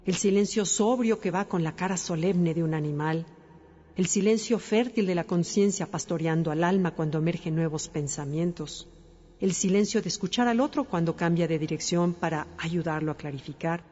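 Female host for reflective narration: calm, measured, mellow, slightly muffled recording. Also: lowish voice, breathy edge, in a large hall. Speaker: host of a reflective wellbeing segment.

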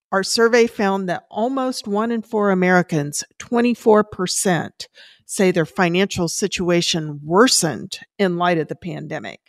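A woman giving tidy, upbeat step-by-step advice in a prepared yet conversational interview style, stressing key words in a measured way. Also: on the low side, no echo, clean studio sound. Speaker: personal finance expert giving advice.

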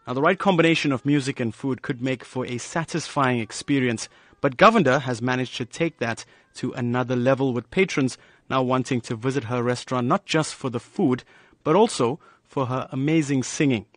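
A man reading a scripted news report in a smooth, measured way. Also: medium pitch, no echo.

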